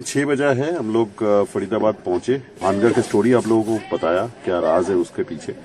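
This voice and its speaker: A man's voice: on the low side, normal speed, a crowd in the background. A middle-aged man narrating his road trip vlog in a chatty way, asking his companions questions. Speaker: travel vlogger. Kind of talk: casual travel vlog narration.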